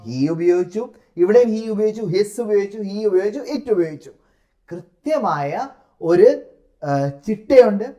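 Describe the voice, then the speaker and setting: A man's voice: high-pitched, mellow, highs cut off. Malayali-accented man coaching an English test. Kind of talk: classroom-style lesson.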